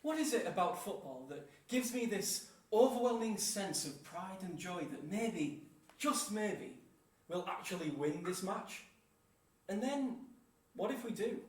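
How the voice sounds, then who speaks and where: A young man, performing an animated one-man theatre monologue with dramatic pauses. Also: high-pitched, distant mic. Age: 20s. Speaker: solo stage performer. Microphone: distant room mic. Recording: echoey room, voice from afar.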